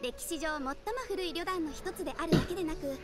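Against game music, a woman with a high voice lightly acts a composed young guild receptionist from an anime game. She sounds helpful and calm, speaking in a formal, courteous, measured way.

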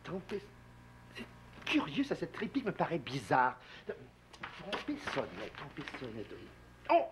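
A man's voice: on the high side, very animated, normal speed, pauses often, a little hiss or hum. A man voicing Loup-Garou, a hammy male werewolf actor who stumbles over forgotten lines, in 1960s children's TV puppet acting. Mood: flustered.

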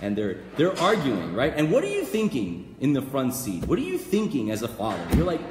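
Man in his thirties, rabbi giving an animated class, wildly swinging pitch, echoey reverberant room. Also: brisk, over music. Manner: animated, gesturing, jumps into loud acted voices. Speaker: rabbi teaching a weekly class. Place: small room before a banner backdrop, live class.

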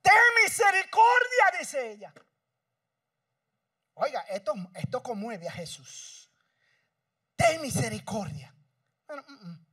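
A male pastor preaching a sermon, swinging between shouting and hushed, dramatic passages. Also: sits high, big pitch swings, slow, long pauses, slightly rough, no room sound, distant mic.

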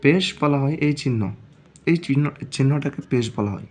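A man giving a step-by-step reading lesson, explaining slowly and patiently and repeating each point. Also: mid-range voice, a little mellow. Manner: slow, patient explaining with frequent repetition. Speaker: Quran reading teacher.

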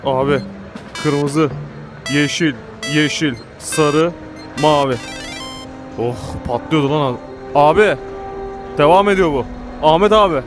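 A man giving excited, panicky commentary while playing a game, swearing and shouting at it. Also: on the high side, measured pace, long pauses. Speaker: gaming YouTuber. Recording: game music playing behind.

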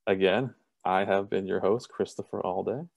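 A man from Southern California, a college admissions representative, giving an online information session over a video call in a plain, self-described monotone, direct way. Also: sits low, moderate pace, creaky, no echo.

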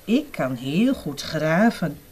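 A woman's voice: low-pitched, sing-song, takes it slowly, a little mellow, breathy edge, exaggerated voice. A woman reading aloud and voicing a small, kind male mole in a children's picture book. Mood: reassuring.

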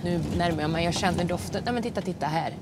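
A woman's voice: lowish voice, heavy background noise. A young woman with a Swedish accent, a timber truck driver thinking aloud in a reality show, swearing under stress. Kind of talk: reality TV commentary. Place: truck cab. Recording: music playing underneath.

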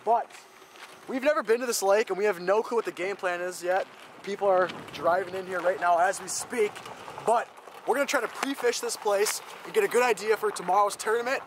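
A young man vlogging excitedly about ice fishing to his viewers, whom he calls "boys", from his truck and out on a frozen lake. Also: sits high, brisk, background noise. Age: young adult. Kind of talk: casual vlog chat. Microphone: camera on the dash or held at arm's length.

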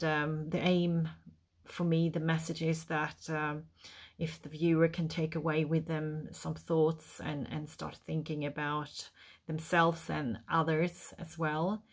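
Woman, 40s, very low voice, reflective, measured, webcam recording. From Sweden. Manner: measured, reflective, with frequent ums. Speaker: artist and curator. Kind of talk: interview answer to camera.

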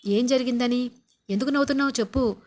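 A stern older father-in-law who runs his household and asks short, firm questions at a brisk clip, as a woman reads him out. The voice sits a little high, the speaker's own. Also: a little mellow, close to an everyday voice. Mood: stern questioning.

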